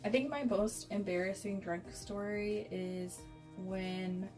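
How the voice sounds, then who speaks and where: A woman's voice: mid-range voice, steady tone, takes it slowly. Young American woman chatting, off-mic over music. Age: young adult. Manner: candid, giggly, swearing freely, acts out quoted dialogue. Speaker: beauty vlogger. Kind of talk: casual chat with storytelling. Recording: distant mic with music behind.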